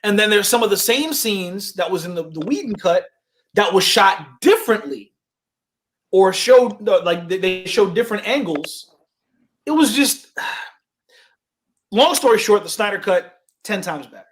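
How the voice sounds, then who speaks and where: Animated high-voiced man ranting. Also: unhurried, long pauses. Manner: animated, ranting, acts out quoted lines. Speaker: podcast co-host. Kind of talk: casual chat.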